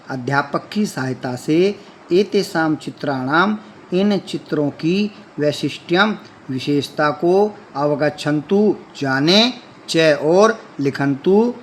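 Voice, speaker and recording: Male Sanskrit teacher, fairly high voice, patient and repetitive, reads a line then explains it, faint hiss behind. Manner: patient, repeats points step by step. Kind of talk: textbook lesson explanation.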